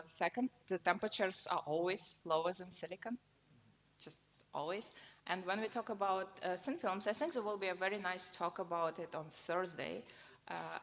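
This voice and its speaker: Fielding questions from the audience after her talk, this woman speaks at a moderate pace in a fairly low, slightly bright voice. The academic Q&A takes place in a lecture hall, recorded with reverb and faint noise, and she answers firmly though sometimes starts hesitantly.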